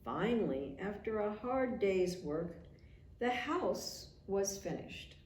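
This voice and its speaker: A woman narrating a children's storybook in a slow, unhurried read-aloud. Her pitch moves expressively through each line. The recording has a noticeably echoey room sound. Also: lively intonation, a little mellow, distant mic.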